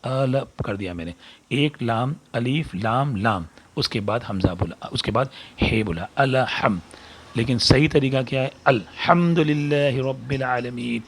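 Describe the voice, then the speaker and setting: A man giving a video lesson on correct prayer recitation, slowly demonstrating words and sometimes dropping to quiet, breathy asides. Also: mid-range voice. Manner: slow, careful demonstration of recitation. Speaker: religious teacher.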